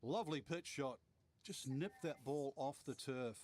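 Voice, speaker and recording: A man's voice: mid-range voice, animated, a little slow, a little mellow. A man giving conversational, explanatory analysis as a golf commentator.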